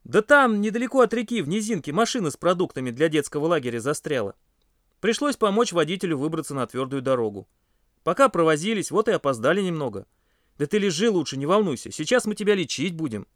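Narrator voicing loud fussing campers, higher than his own voice, storybook reading. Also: big pitch swings, quick pace, no room sound, studio quality. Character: group of worried, then angry young campers.

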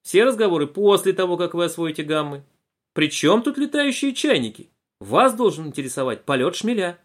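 A man's voice: sits high, very animated, brisk, pitched above the performer's own voice. A man voicing a strict female music teacher in a storybook, speaking in a prim, stern instructing manner.

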